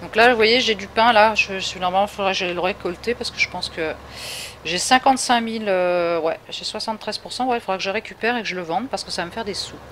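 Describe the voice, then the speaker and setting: Live on stream from Paris, France, a woman with a Parisian French accent casually comments on her gameplay, chatting with chat viewers and laughing frequently. Her medium-pitched voice is quick and fairly bright, with slight background noise.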